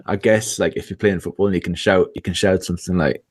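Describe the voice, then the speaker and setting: A man in his forties speaks in a very low, deep register. He co-hosts a casual podcast, rambling through anecdotes with frequent restarts and laughter. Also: fairly even intonation, slightly rough. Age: 40s. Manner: rambling storyteller, halting restarts, laughs often. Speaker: podcast co-host. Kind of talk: casual chat.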